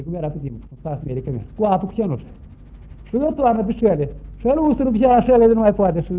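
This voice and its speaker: An older man from Romania recounting old village customs in an interview, telling it vividly and acting out shouts and sounds. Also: high voice. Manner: lively, acts out shouts and sounds. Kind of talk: folk storytelling. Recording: dull lo-fi recording, faint noise.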